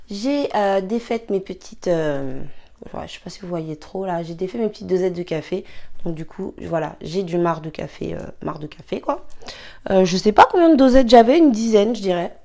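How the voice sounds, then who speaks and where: A woman chatting casually in a how-to beauty vlog, rambling with many fillers and restarts and apologizing in quick asides while she works with her hands. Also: medium pitch, gravelly, warm tone. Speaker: beauty vlogger.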